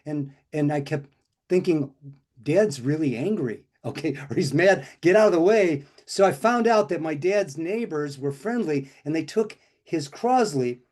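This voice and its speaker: A man's voice: fairly high pitch, lively intonation, a little slow, darkish tone. An older man co-hosting a casual chat, telling stories in a rambling way with many restarts and fillers. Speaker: co-host.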